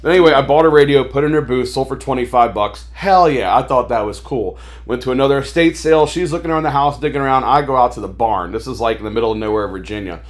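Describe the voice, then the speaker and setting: A man's voice: medium pitch, quick pace, hardly any pauses. A man talking as a podcast guest, telling his life story in a rambling, casual way with lots of fillers, animating the voices of people he quotes. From Maryland, USA. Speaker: podcast guest, toy store owner.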